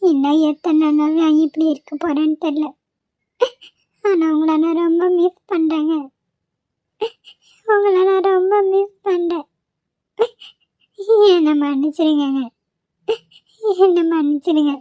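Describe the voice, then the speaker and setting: Woman voicing a young cartoon wife, high voice, earnest, pleading, dull dry lo-fi sound. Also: little pitch movement, quick pace, no room sound, lightly acted. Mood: tearful. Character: young wife, tearful yet stubborn. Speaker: voice actor. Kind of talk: amateur cartoon voice acting.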